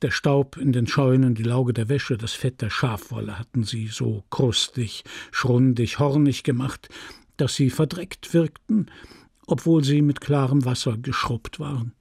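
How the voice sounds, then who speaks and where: A man reading a classic novel aloud as an audiobook narrator, measured and expressive. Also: medium pitch, creaky, husky, dry recording, clean studio sound. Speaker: audiobook reader.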